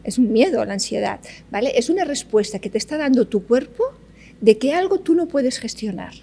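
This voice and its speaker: Gravelly-voiced psychologist woman. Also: a little high, lively intonation, brisk, warm tone. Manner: didactic, keeps checking with "¿vale?". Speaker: psychologist guest. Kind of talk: explanatory interview talk.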